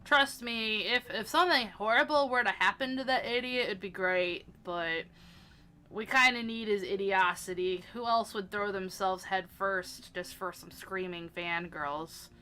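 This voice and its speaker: A woman's voice: medium pitch, measured pace, pushed and bright, smooth. A woman voicing a weary old father who grumbles in a dry, grim way.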